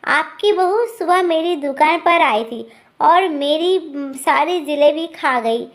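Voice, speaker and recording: A pushy, haggling male sweets seller, as a woman storyteller plays him, voiced high and slow. He insists stubbornly on being paid. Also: expressive, exaggerated voice. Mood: insistent.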